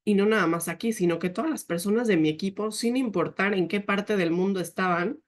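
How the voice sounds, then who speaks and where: A woman's voice: medium pitch, fairly quick. A woman giving a leadership talk, telling a personal story in an earnest, emotional way. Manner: often quotes herself and others.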